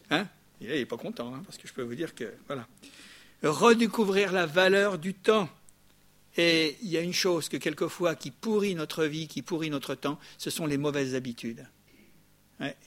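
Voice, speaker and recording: An older man preaching a sermon, his voice sitting a little high for a man. He talks to the congregation like a neighbour, lively and conversational, with frequent quick asides. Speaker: pastor.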